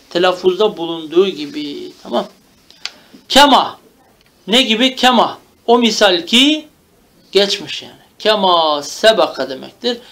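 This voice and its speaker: High-voiced man teaching grammar, questioning. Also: a bit bright. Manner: reads Arabic text then explains in Turkish, asks checking questions. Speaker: religious teacher. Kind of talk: classical Arabic grammar lesson.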